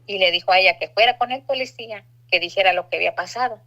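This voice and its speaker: Bright-voiced woman giving testimony. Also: medium pitch, fast talker, muffled recording. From Mexico. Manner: earnest, confessional, acts out dialogue. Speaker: testimony speaker. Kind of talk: personal testimony.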